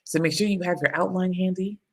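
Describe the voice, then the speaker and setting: A woman with a low, husky voice hosts a casual livestream as a book coach. She chats freely, laughs often and reads out viewer comments. There is a gravelly edge to her speech. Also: steady tone, brisk, a little mellow. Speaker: book coach hosting live writing sprints. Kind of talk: casual live-stream chat.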